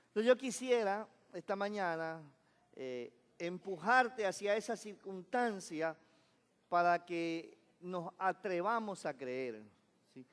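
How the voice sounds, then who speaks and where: A man preaching a Sunday sermon as pastor, leading the congregation in repeating phrases, calling them brother and slipping in jokes. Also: high voice. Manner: call-and-response preaching, addresses listeners as brother; joking asides with laughter. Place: church sanctuary. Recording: echoey church hall.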